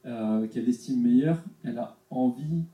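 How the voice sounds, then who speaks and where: A man co-hosting a casual podcast interview, quick and teasing. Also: medium pitch, dark tone, distant mic. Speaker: podcast co-host. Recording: roomy sound from off-mic.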